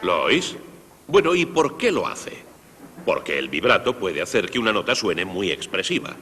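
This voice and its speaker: A man presenting a concert for young people, explaining music to children in a lively, direct way, dubbed in Spanish. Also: low-pitched, normal speed, big-room sound. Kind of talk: Spanish dub of a televised music lesson.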